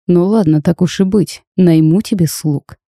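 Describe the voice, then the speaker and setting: A woman reading the lines of a cursed male dragon duke in a storybook tale, terse, flat and reserved. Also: on the low side, moderate pace, gravelly, no echo, clean studio sound. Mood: cold.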